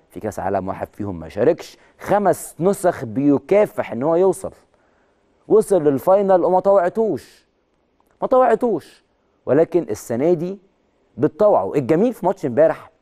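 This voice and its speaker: Standing in a large TV studio with a video wall, an Egyptian man in his thirties presents sports news into a lapel mic. His voice is hoarse yet mellow, with an Egyptian Arabic accent, and he speaks emphatically, his pitch climbing to excited peaks on key words.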